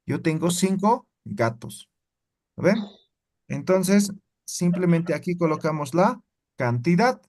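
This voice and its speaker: A man's voice: sits high, big pitch swings, slow pace, long pauses, darkish tone. A man teaching a language class, explaining step by step and checking in with his students again and again. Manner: explains patiently, keeps checking with "¿no ve?".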